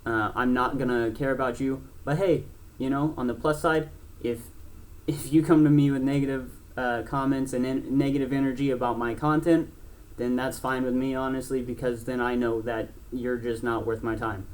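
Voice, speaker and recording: A man's voice: mid-range voice, fairly even intonation, moderate pace, darkish tone. A man in his twenties, a gaming YouTuber, talking casually and bluntly to camera, rambling with many restarts and fillers. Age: 20s. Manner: blunt and frank, swears.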